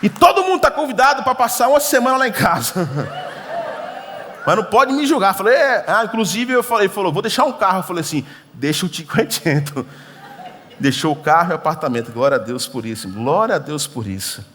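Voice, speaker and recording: A man's voice: high voice, sing-song, brisk, sharp tone, slight background noise. A male pastor preaching a sermon, telling a story with acted-out dialogue and humorous asides. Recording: church hall reverb.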